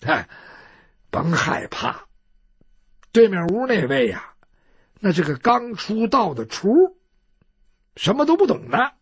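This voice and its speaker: A man's voice: sits high, big pitch swings, measured pace, long pauses, breathy edge, no echo, heavily acted. Man doing a shrewd, joking sworn brother. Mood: amused. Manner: chatty, mocking, confiding.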